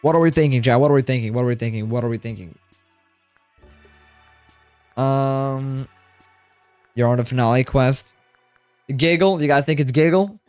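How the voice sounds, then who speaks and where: Man, tired streamer, casual rambling chat, smooth clear voice, dry close mic, faint music behind. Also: medium pitch, moderate pace, long pauses, darkish tone, dry recording. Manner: rambling, repeats phrases, talks to chat. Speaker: livestreamer.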